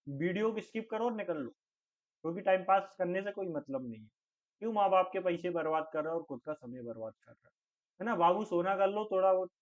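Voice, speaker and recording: A man teaching an exam-prep class, repeating questions and breaking off to joke with and scold his students. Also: high-pitched. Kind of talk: online exam-prep lecture. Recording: dull lo-fi audio.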